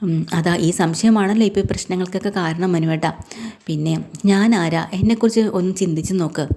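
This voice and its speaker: A woman voicing a gentle young woman who works as a household maid, speaking earnestly and pleadingly in a mellow voice. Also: on the low side, brisk, lightly acted.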